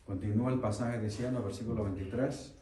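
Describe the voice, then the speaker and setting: A man's voice: fairly low pitch, fairly even intonation, dark tone, slight background noise. A male chaplain preaching in a church, putting questions to the congregation and repeating their answers. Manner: slows and rises when reading scripture aloud. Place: church sanctuary. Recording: echoey church hall, mic at a distance.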